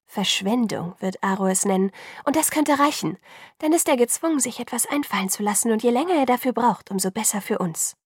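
A woman reading an audiobook, voicing a quick, bright young female vampire who talks briskly. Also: on the high side, husky, dry recording, studio quality. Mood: explaining. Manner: brisk and lively, talks fast when excited.

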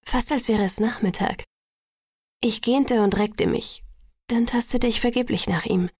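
A woman reading a novel in the first person in a soft, intimate way, sometimes dropping to a whisper. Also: on the high side, a little slow, slightly rough, dry recording, studio quality. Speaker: audiobook narrator.

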